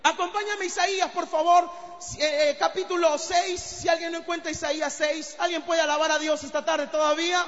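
A man preaching a fervent sermon, shouting out to the congregation and calling for responses. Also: very high voice, steady tone, brisk, faint music behind. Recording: reverberant hall, dull muffled sound.

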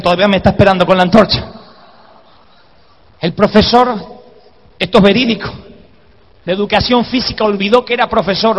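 A man preaching a sermon, telling a comic story and acting out the shouts and groans in it. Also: sits high, big-room sound. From Argentina. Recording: dull lo-fi live sermon recording.

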